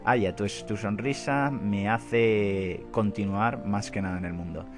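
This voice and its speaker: A man voicing a gentle, sickly mother in a game, softly and reassuringly. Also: fairly low pitch, fairly even intonation, a little slow, music in the background. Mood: tender.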